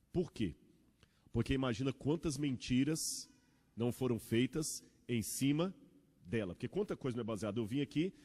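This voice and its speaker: A man from Brazil, preaching a sermon in a church with rhetorical questions and an animated storytelling manner. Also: medium pitch. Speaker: pastor. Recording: long church hall reverb.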